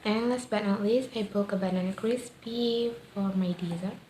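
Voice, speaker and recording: A woman with an Indonesian accent doing a casual food review vlog in simple, halting non-native English. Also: medium pitch, mellow. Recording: echoey room with faint background noise.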